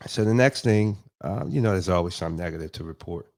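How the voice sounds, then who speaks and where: Reading a news article aloud and riffing on it, a crypto commentary show host talks in a low, quick, darkish voice, congested from a cold. His delivery is loose and casual, full of ums and restarts.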